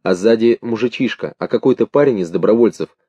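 A man narrating a literary audiobook in measured, expressive short phrases. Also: on the low side, slightly rough, no echo. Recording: dull lo-fi dry recording.

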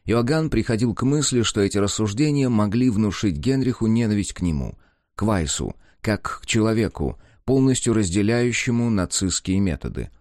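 Low-voiced man reading an audiobook. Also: lively intonation, normal speed, darkish tone, no room sound, clean studio sound. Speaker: audiobook narrator. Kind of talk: audiobook narration.

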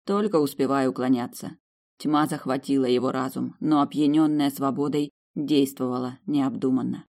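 A woman narrating a fantasy novel in the first person, lively and rising sharply in the dialogue. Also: extremely low pitch, moderate pace, vocal fry. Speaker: audiobook narrator.

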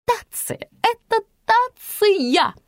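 Woman playing shrill bossy middle-aged woman, high piercing voice, hissing and scornful, dry close sound. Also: big pitch swings, very slow, no echo, heavily acted.

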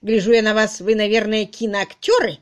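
A woman voicing a loud, bossy middle-aged charwoman in an audiobook, brusque and exclaiming. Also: mid-range voice, little pitch movement, moderate pace, natural voice. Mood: blunt. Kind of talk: audiobook reading.

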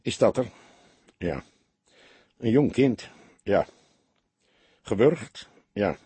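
A touchy, aggrieved police fingerprint technician in an audiobook, firing off curt questions, as a male reader puts him on. His voice is husky with lively pitch. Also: very slow, no echo, full character voice.

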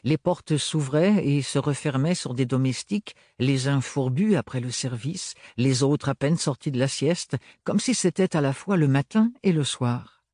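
A man reading a novel aloud as an audiobook in a measured, expressive storytelling manner. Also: medium pitch, dry recording, studio quality. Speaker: audiobook reader. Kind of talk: scripted audiobook narration.

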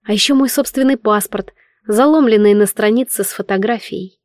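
A woman narrating a first-person fantasy audiobook with expressive, emotional storytelling. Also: mid-range voice, normal speed, no echo, clean studio sound.

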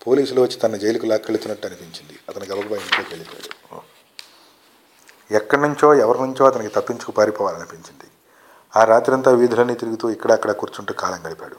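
Low-voiced guy reading a story out loud, quick and steady. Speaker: story reader. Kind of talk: reading a short story aloud.

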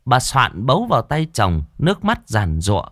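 A man narrating a horror story in a dramatic, expressive way. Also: medium pitch, normal speed, dry recording, clean studio sound.

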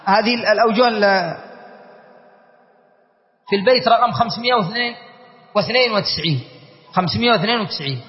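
A man's voice: sits high, fast, long pauses. A man teaching a classical Arabic grammar lesson, explaining a verse step by step, repeating key words and checking that his students follow. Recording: dull lo-fi audio with long hall reverb.

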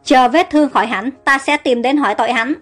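A stern, commanding ruler who gives orders and plots revenge, read by a woman storyteller in her own high voice. Soft music sits behind. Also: fast talker. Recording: faint music underneath.

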